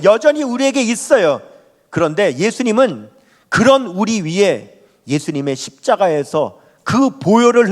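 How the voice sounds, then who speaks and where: A man preaching a Sunday sermon as pastor, talking straight to the congregation and asking it questions. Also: high-pitched. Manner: animated, rising and falling, speaks to the congregation directly. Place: church sanctuary. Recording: long hall reverb.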